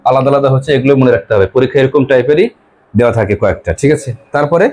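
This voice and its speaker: A grammar class is led by a man from West Bengal, India, whose voice is medium-pitched and darkish. Again and again he asks his pupils questions and repeats their answers, reading the English example sentences with slow care.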